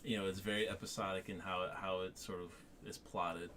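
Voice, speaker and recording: Casual film-chat co-host, man, lowish voice, rambling delivery, faint noise behind. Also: level tone, a little fast, fairly bright tone. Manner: rambling, many restarts, crude jokes.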